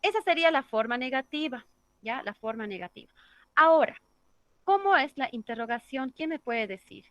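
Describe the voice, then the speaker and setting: A woman's voice: high voice, animated, normal speed, a bit bright, no room sound. A woman teaching an English grammar class, explaining step by step and checking in with the class through tag questions. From Bolivia.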